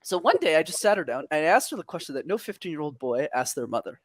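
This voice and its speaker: A young man from Canada, a podcast guest, telling stories in energetic, extroverted casual chat. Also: on the high side, quick pace, no echo, studio quality.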